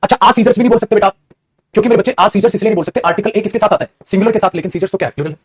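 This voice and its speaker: Husky, fast-talking male teacher. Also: high-pitched. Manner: animated, teasing, calls students beta and pagle. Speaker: English teacher. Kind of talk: lively classroom lecture. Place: studio.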